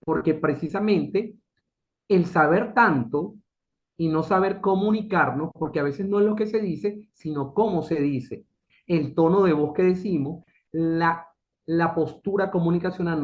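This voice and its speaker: A man's voice: a little high, a little slow. Earnest middle-aged man, lo-fi. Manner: earnest, poses rhetorical questions, repeats phrases. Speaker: business consultant. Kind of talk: motivational talk. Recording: dull lo-fi recording.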